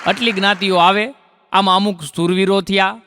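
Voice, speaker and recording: A man's voice: high-pitched, fairly even intonation, bright, forceful tone, smooth, a faint crowd. A male comedian, reciting rhymed couplets and telling jokes to a live audience on stage. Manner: rhythmic couplet recitation then rapid joke telling. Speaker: stand-up comedian. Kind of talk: Gujarati folk comedy on stage. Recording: dry close mic with hall reverb. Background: audience laughter.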